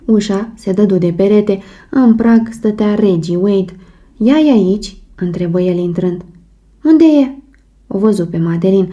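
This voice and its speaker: A woman narrating an audiobook with an even, measured reading. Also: mid-range voice. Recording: muffled audiobook recording.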